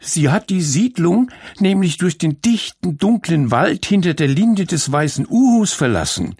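A man's voice: a little high, sing-song, measured pace, a little mellow, breathy edge, dry recording, clean studio sound, voice pushed up, heavily acted. A man voicing Malu, a skeptical mother deer who speaks in an insistent, warning way in a storybook. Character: doubtful, worried mother deer.

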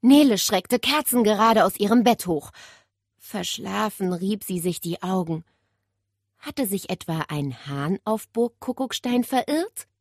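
A woman narrating a children's story in a lively, expressive reading. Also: medium pitch, measured pace, dry recording, studio quality.

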